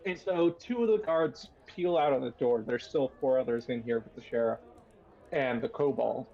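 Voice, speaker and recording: A man narrating a tabletop game as game master, unhurried and hesitant, with many fillers. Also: mid-range voice, creaky, darkish tone, lo-fi sound.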